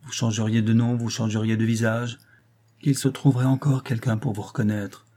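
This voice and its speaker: A man's voice: medium pitch, level tone, moderate pace, dark tone, lightly acted. A man voicing a stern, wounded husband who argues with severe emphasis.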